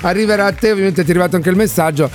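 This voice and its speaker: A man's voice: high voice, rapid-fire, over music. A man presenting live radio as a chatty, playful Italian quiz host.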